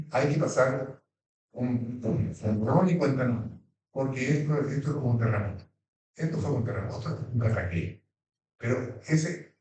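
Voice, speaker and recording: A man's voice: mid-range voice, darkish tone. A man speaking earnestly as a panelist, stressing his points. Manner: earnest, emphatic lecturing. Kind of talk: panel talk. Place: consulate event hall. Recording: echoey hall, distant mic.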